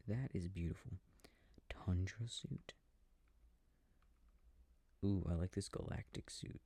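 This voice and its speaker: Playing a video game as a sleep aid, a male audio creator softly rambles to himself, often dropping into whispers. His fairly low, breathy, gravelly voice is recorded close to the mic with a dry sound.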